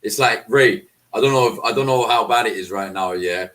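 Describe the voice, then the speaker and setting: Bright-voiced, slangy man. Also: on the low side, a little fast, low-quality recording. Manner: slangy, emphatic, repeats himself for effect. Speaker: football fan podcast host. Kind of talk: casual chat.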